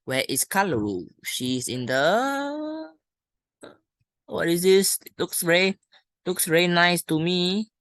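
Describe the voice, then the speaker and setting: A primary school English teacher with a Malaysian or Singaporean English accent speaks slowly at medium pitch, very animated and a bit bright, in a dry recording. Talking informally through lesson exercises, they think aloud using colloquial particles.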